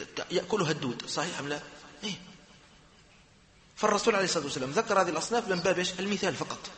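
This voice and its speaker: A man teaching a jurisprudence class, often asking his students questions and answering them himself. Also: sits high. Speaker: sheikh teaching Islamic jurisprudence. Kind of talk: lecture to a class. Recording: echoey hall with long reverb.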